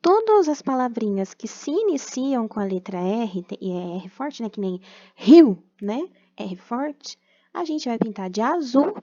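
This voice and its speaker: Patient Brazilian teacher, slightly high voice. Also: female voice, big pitch swings, warm tone, no echo. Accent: Brazilian Portuguese. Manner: patient and explanatory, tags phrases with "tá?"; stretches out words slowly to sound them out. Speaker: primary school teacher. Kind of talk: recorded remote class lesson. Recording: dull, dry computer recording.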